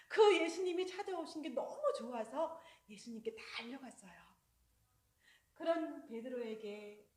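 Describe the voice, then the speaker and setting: A woman telling a children's sermon story in an animated way, addressing the children directly. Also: sits high. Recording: roomy echo.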